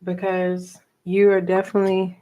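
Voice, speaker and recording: A middle-aged woman giving a tarot reading for viewers, talking softly and slowly and pausing as she reads the cards aloud. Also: fairly low pitch, monotone. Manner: slow, soft and meditative, reading cards aloud with pauses. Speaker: tarot reader.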